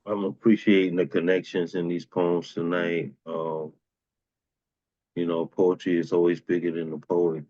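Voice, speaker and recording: A man's voice: low-pitched, level tone, measured pace, no room sound. A man hosting an open mic poetry show, hyping the poets and bringing up the next reader in a casual, encouraging way, on dull lo-fi audio. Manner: warm, encouraging, hypes the poets.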